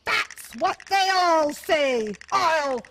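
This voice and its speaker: A woman's voice: extremely high pitch, expressive, very slow, very noisy, exaggerated voice. Big Bad Wolf, as a woman puts him on. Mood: blustering. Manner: growling, gloating threats, shouts. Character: big bad male wolf, greedy and boastful. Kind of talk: children's puppet show acting. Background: loud music.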